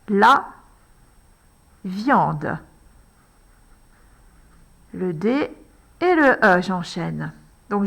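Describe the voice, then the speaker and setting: A woman teaching a handwriting lesson to young children, slowly spelling out each word letter by letter as she writes. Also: medium pitch, fairly bright tone. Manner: slow, deliberate, spells out letter by letter. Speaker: primary school teacher.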